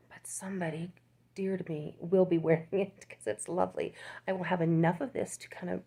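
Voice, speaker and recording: A woman's voice: low voice, vocal fry, darkish tone, slightly rough. An older woman, a crochet YouTuber, chatting casually and rambling as she shows off her work. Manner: rambling, chatty, restarts and laughs. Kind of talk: casual show-and-tell chat.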